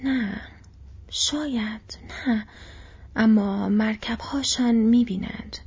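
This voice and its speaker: Frodo, a woman reading as a grave breathy hobbit. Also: medium pitch, a little mellow. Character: grave young male hobbit, burdened. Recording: dull lo-fi recording.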